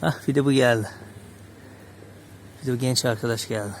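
A man filming a casual street vlog, speaking softly and tenderly to stray cats outdoors. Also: medium pitch, normal speed, a little hiss or hum. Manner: tender, coos and baby-talks to stray cats. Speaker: vlogger. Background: cats meowing, faint street ambience.

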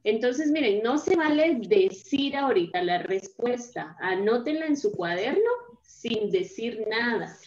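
A woman's voice: mid-range voice, darkish tone, reverberant, muffled recording. A woman teaching a primary school class online. She explains things patiently, step by step, and keeps checking in with her pupils.

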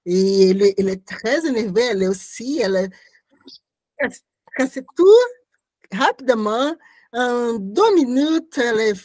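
A woman artist, not a native French speaker, talking about her performance in a halting way, searching for words and restarting often. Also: on the high side, lively intonation, darkish tone, no echo. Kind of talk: conversational interview talk.

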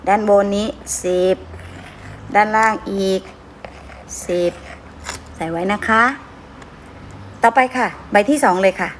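A woman's voice: mid-range voice, slight background noise. A woman teacher going through worksheet answers with her pupils, sounding out words syllable by syllable and often asking whether they follow. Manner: drawn-out syllable-by-syllable reading, frequent checking questions. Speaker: schoolteacher.

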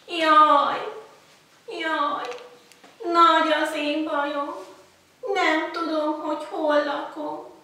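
A woman's voice: sits high, flat delivery, pauses often, pushed and bright. A woman playing a timid, tearful lost kitten in a children's stage play, wailing and pleading. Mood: woeful. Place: community cultural hall. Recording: echoey hall from far off.

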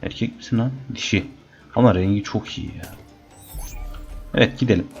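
A young man casually narrating his own gameplay, chatty and teasing the creatures on screen, getting excited during fights. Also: lowish voice, moderate pace, dull audio, faint music behind. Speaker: gaming channel host. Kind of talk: casual let's-play commentary.

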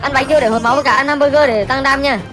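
A woman chats very fast while gaming, firing off quick questions and dry jokes. Faint game music sits behind her. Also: high voice, fairly even intonation, sharp tone. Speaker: co-player. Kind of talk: casual gaming chat.

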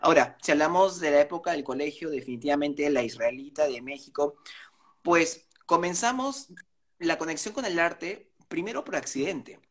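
A man's voice: a little high, expressive, normal speed. A young man with a Peruvian accent, interviewing a guest over a video call in a polite, admiring manner. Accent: Peruvian Spanish. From Peru. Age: young adult. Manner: polite and admiring, full of affirmations. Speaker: interviewer, host. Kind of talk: friendly interview.

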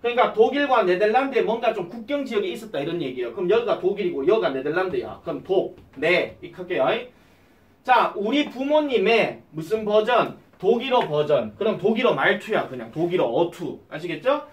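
A male English teacher, giving an exam-prep lecture and quizzing his students with quick questions. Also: sits high, animated, echoey room, recorded from a distance.

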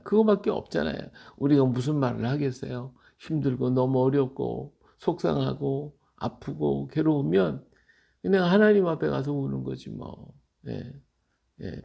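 A man with a deeply gravelly, creaky voice preaches at a middle pitch. He talks to listeners in a plain conversational way, leaning on repeated phrases to press his point with heartfelt emphasis. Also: darkish tone. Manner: earnest, repetitive, emotional emphasis. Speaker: Bible teacher. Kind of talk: conversational sermon on a Bible reading.

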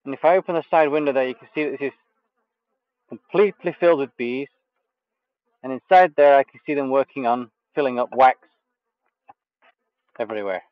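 In a brisk mid-range voice with long pauses, a man hosts a live stream from a bee yard, looking over a hive and talking in a relaxed, filler-laden manner. The audio from his off-frame camera mic is dull, with no room sound.

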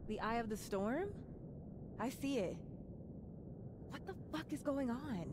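A panicked young woman lost in a storm, her high voice swinging up and down and sounding distant. Her words come slowly, against a noisy background. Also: expressive. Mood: frightened. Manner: frantic and calling from far off. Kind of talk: video game voice acting. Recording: distant game voice with noise.

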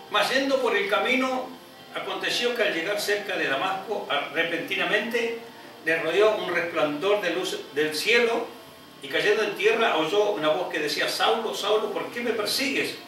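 High-pitched emphatic preacher in an echoey hall. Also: male voice, sharp tone. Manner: emphatic, rising to high pitch on repeated phrases, frequent "¿eh?" asides. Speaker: evangelist preacher. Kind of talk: sermon. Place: church. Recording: echoey hall, heard from a distance.

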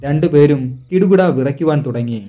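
Male storyteller, mellow, slightly high voice, suspenseful scripted narration over soft music. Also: moderate pace. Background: soft background music.

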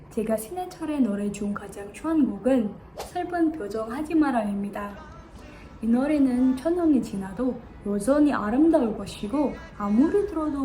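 A woman's voice: on the high side, dark tone. A young woman with an Indonesian accent gives a formal, rehearsed contest speech. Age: young adult. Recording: clear background noise.

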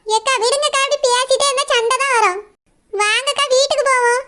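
A woman with a Kanyakumari Tamil accent, playing a village neighbor who pleads to calm a fight. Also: very high voice, a little hiss or hum. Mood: pleading. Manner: pleading, soothing, hurried.

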